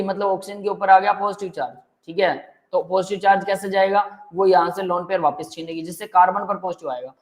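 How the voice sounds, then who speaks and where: Easygoing guy teaching chemistry online, keeps asking if everyone gets it, calls the kids beta. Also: sits high. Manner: explains step by step, keeps checking the class understands; relaxed and friendly, calls students "beta" and "bhai". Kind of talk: live online chemistry lecture.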